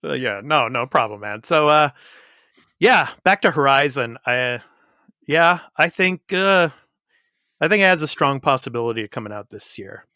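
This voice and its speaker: Bright-voiced man in his fifties, hosting. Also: mid-range voice, animated, normal speed, no room sound, studio quality. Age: 50s. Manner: laid-back, laughs easily. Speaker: podcast host. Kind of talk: casual chat.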